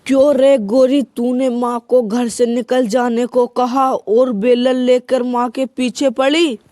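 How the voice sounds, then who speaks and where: A stern, angry young husband in a comedy skit, as a woman puts him on. He threatens slowly, in a dry, close voice. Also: on the high side, steady tone, warm tone, no echo.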